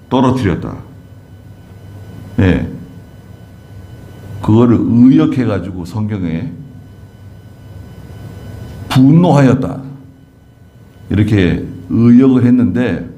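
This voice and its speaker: A man's voice: lowish voice, dull audio. A man preaching a sermon as pastor, explaining scripture and asking the congregation rhetorical questions. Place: church sanctuary.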